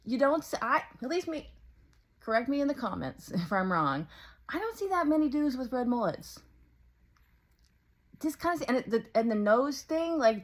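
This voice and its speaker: A woman's voice: fairly high pitch, fairly bright tone. A woman in her thirties doing sarcastic, profane reaction commentary on a video clip. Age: 30s. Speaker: commentary host.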